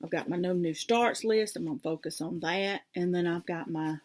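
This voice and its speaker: A woman's voice: on the low side, normal speed, a little mellow. Lady chatting about her stitching at home, rambly, jumps topics, lots of ums. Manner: rambling, easily sidetracked, with many fillers. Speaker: crafting vlog host. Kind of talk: casual chatty vlog. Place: home craft room.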